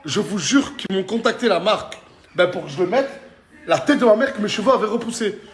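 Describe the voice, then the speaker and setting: A man presents a casual vlog. He talks in excitable, familiar street slang, slipping easily between banter and product pitch. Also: a little fast. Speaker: vlogger and product promoter.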